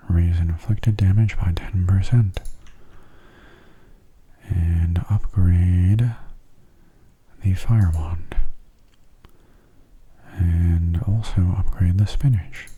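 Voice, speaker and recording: This low-pitched gaming video host murmurs his thoughts on the gameplay in a calm, breathy, unhurried way. His soft-spoken ASMR commentary often comes near a whisper.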